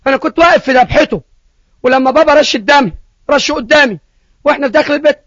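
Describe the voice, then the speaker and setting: A man's voice: extremely high pitch, racing, a bit bright, no room sound, muffled recording. A preacher doing a scared Egyptian boy. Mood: fearful. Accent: Egyptian Arabic. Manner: tearful, fearful pleading. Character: frightened young firstborn boy, anxious.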